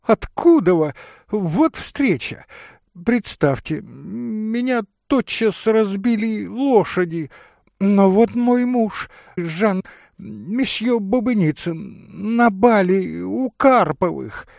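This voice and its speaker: A flighty society lady, put on by a male narrator, chatters in a high, leaping voice, gushing and breathless. The voice is gravelly underneath and dry, read in audiobook style. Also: lively intonation, slow, darkish tone, no echo, full character voice. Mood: chirping. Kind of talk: audiobook character reading.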